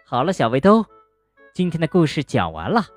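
Woman storyteller, bedtime story, hugely varied melody, lowish voice, dry close sound. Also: brisk, no room sound, faint music behind. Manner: gentle, expressive, addressing a child. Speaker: children's storyteller.

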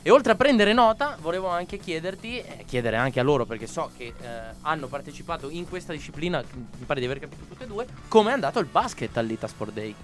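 Man hosting student radio, fairly high voice, teasing banter, music underneath. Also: animated. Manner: teasing, quick banter with laughs. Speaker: radio host. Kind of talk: casual joking radio chat.

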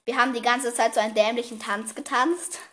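High-voiced giggly teenage girl. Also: steady tone, a bit bright. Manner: giggly, fast-talking, teasing. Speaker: podcast host. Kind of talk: casual chat.

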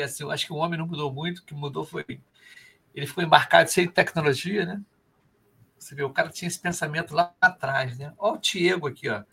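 Gravelly Brazilian podcast host, casual. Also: male voice, a little high, bright, forceful tone. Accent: Brazilian Portuguese. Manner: rambling, reads out listener chat. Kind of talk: casual live podcast chat.

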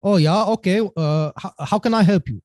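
A man puts on a friendly German manufacturer with a thick, wobbly accent. He talks haltingly and fills gaps with "yeah" and "okay." The voice sits a little higher than the man's own and sounds dry and close. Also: darkish tone, no room sound, lightly acted. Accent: German, put on.

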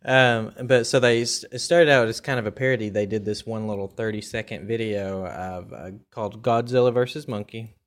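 Rambling young man, lowish voice. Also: fairly even intonation, moderate pace, hardly any pauses. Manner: rambling, with many fillers and restarts. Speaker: video reviewer. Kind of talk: casual spoken review.

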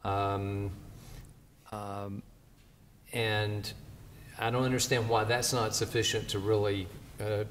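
A man's voice: lowish voice, level tone, slow, pauses often. A man speaking formally from the bench as a presiding judge. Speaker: presiding chief justice. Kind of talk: formal remarks and questions from the bench. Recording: echoey reverberant courtroom, faint noise.

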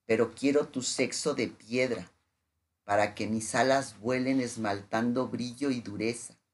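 A man giving a measured, intimate reading of sensual literary prose. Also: medium pitch, fairly even intonation.

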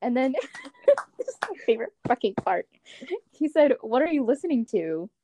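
A young woman telling friends an animated story in casual chat, swearing and acting out quotes. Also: sits high, moderate pace, no room sound.

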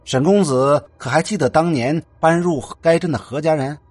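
A man voicing a calm young woman who explains things in a steady, knowing way. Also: on the high side, normal speed, husky, no echo, pitched above the performer's own voice.

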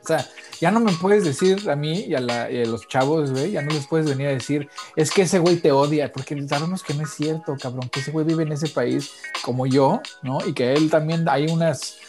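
A man's voice: fairly high pitch, fairly quick, over music. A man with a Mexican accent in a casual debate, blunt and slangy, swearing freely. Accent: Mexican Spanish.

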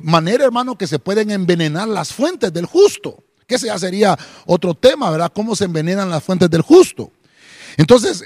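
A man preaching a sermon, reading scripture slowly and praying, often calling listeners "brother" with many fillers and restarts. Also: sits high, darkish tone, no room sound, clean studio sound. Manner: slows down to stress scripture. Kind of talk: sermon with Bible reading and prayer.

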